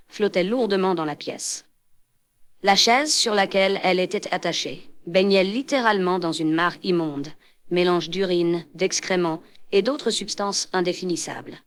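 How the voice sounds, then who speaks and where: A woman narrating a French horror story in a measured, dramatic scripted reading. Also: fairly low pitch.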